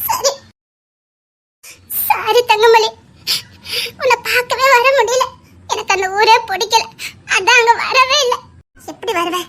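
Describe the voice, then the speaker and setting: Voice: very high voice, steady tone, a little slow, pauses often, sharp tone, exaggerated voice. A performer playing an emotional young woman with a Tirunelveli Tamil accent, who pleads with her friend and teases her.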